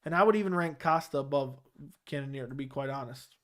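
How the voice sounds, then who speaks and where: A young man with a Baltimore accent hosts a live chat, working through viewers' comments in a rambling, loose manner marked by fillers and restarts. He has a mid-range, fairly bright voice and talks briskly.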